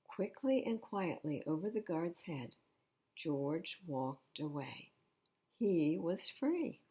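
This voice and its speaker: A woman reading a picture book aloud to children at storytime, expressively, pausing to explain the pictures in simple words. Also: sits low, big pitch swings, warm tone, low-quality recording. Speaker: library storytime reader.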